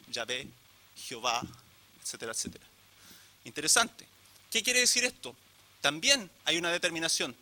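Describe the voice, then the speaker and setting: Speaking to a live audience at an academic lecture, a man from Chile throws out rhetorical questions and addresses the listeners directly. He has a high-pitched, bright voice with a forceful tone.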